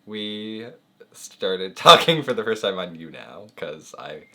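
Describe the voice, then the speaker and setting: A young man with a very deep voice talks in an easy, laid-back way, mumbling a bit and laughing through his answers. He sounds relaxed and casual, like he's chatting at home. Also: takes it slowly. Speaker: boyfriend guest. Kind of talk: casual chat.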